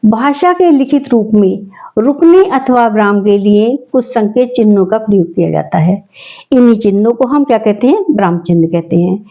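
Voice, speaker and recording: A woman's voice: medium pitch, lively intonation, normal speed, dull audio. A woman teaching a grammar lesson, explaining step by step and answering her own questions.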